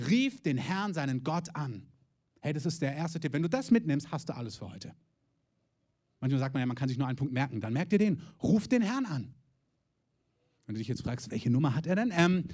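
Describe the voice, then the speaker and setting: A man's voice: a little high, a little mellow. A man preaching a sermon as pastor, emphatic, with repeated calls of Amen and long spoken lists. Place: church in Berlin.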